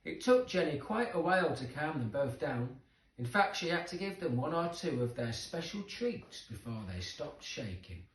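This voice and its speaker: With big pitch swings and a somewhat high voice at normal speed, this storybook reader narrates expressively and dramatically for children. The recording has a roomy echo from a distant mic.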